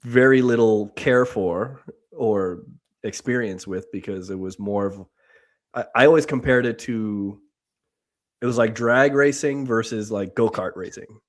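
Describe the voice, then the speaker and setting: Low-voiced man from the Bahamas. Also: a little slow. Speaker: podcast co-host. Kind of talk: casual sports chat.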